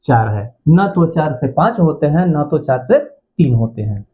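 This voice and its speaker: A man's voice: fairly high pitch, very animated, measured pace. A man teaching a Hindi grammar class, who repeats key phrases and keeps asking his students questions. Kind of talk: classroom lecture. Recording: dull lo-fi sound.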